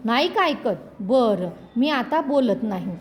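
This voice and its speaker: A woman's voice: on the high side, expressive, slow, a little hiss or hum. A woman voicing a stern but loving village mother who scolds firmly and earnestly.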